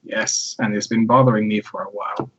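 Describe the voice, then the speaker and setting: A man playing his character in a tabletop game, with a calm, dry, measured way of speaking and a husky voice. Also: lowish voice, lo-fi sound, slight background noise. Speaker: player.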